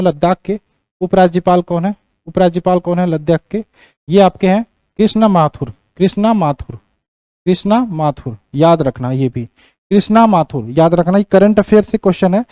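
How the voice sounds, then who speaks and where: High-voiced male teacher giving a lecture. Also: moderate pace, darkish tone, dry recording. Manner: repeats key points, keeps checking in with "theek". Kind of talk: classroom lecture on geography.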